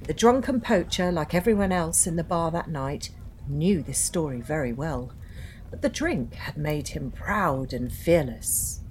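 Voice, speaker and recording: A woman co-hosting a podcast who narrates ghostly folk tales in a slow, measured, dramatic way. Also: sits low, lively intonation, darkish tone, slight background noise. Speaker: podcast co-host and storyteller. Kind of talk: fireside storytelling narration.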